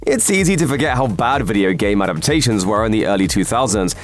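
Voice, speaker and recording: Talking fast, a male voiceover narrator delivers a scripted video essay with a sardonic, emphatic edge. His pitch jumps around lively as he stresses key words, while music plays quietly beneath him.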